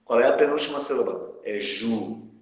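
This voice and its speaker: A man's voice: mid-range voice, normal speed. A man teaching a live class, who checks in with his students again and again. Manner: checks in often with the class, asking "tá?". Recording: echoey room.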